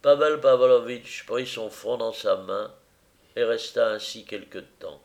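A man reading a novel aloud as narrator, in a measured, even storytelling manner. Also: medium pitch, gravelly.

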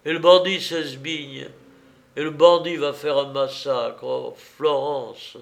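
A man's voice: fairly high pitch, animated, slow, voice pushed up. A man doing a furious commanding nobleman. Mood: raging. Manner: shouting, exclaiming in anger. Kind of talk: audiobook dialogue reading.

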